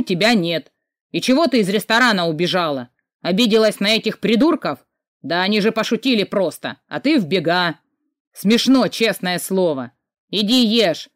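A woman playing a loud bossy brother. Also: mid-range voice, no room sound, clean studio sound, close to an everyday voice. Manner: loud, scolding, rapid-fire questions. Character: irritable young man, a bossy older brother.

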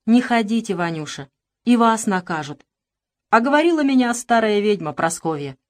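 A woman voicing an old male house serf who speaks gently and humbly with quiet sorrow, in an audiobook. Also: medium pitch, expressive, normal speed, lightly acted. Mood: sad resignation.

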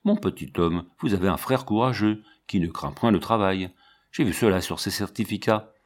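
A man voicing a kindly, fatherly sailor captain in a storybook reading, calm and reassuring. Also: lowish voice, normal speed, close to an everyday voice. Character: kindly middle-aged male sailor captain.

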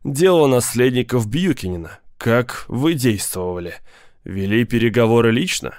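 Man doing a big cold lawyer guy, calm and menacing, talks slow and smooth. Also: medium pitch, dry recording, studio quality, natural voice. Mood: cool. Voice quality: slow, measured, coolly polite.

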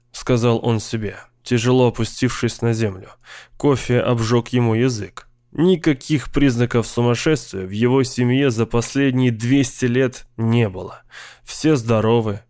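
A man's voice: mid-range voice, a little mellow, no room sound, studio quality. Man reading a dramatic audiobook. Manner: acts out the character's cries with rising intensity. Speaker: audiobook narrator.

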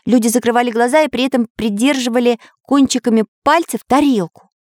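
Storybook figure: woman reads an eager young male artist, high voice. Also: brisk, a little mellow, no room sound, clean studio sound, lightly acted.

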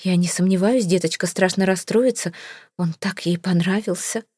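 A woman's voice: on the low side, moderate pace, darkish tone, no echo, clean studio sound, lightly acted. A woman voicing a flustered, hesitant middle-aged mother. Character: anxious middle-aged mother, Mrs Flip.

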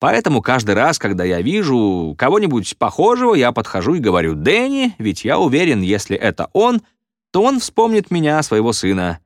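A man's voice: medium pitch, wildly swooping pitch, moderate pace, no room sound, clean studio sound, voice pushed up. A man voicing an earnest, rambling eccentric who talks in a raised voice in a storybook reading.

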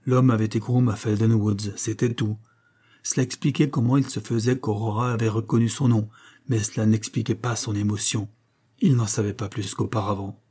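A man narrating a novel as an audiobook in a steady, measured reading. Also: fairly low pitch, slightly rough.

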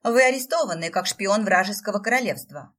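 Young royal sister, commanding, read by a woman narrator; breathy tone, slightly distant mic. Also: mid-range voice, lively intonation, a little slow.

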